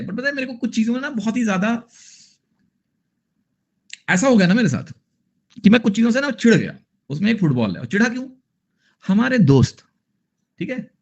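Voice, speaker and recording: A man's voice: sits high, dull audio. A man in his thirties with an Indian accent, teaching an online math class in a chatty, joking way and slipping English phrases into his talk. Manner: chatty, jokey, mixes Hindi with English phrases.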